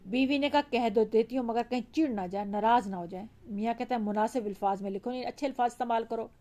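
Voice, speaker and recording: A woman's voice: fairly high pitch, quick pace. A woman teacher with a Pakistani Urdu accent reads a lesson aloud. She acts out its dialogue and then explains each line. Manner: reads the dialogue with raised, animated voices, then explains in a calmer voice.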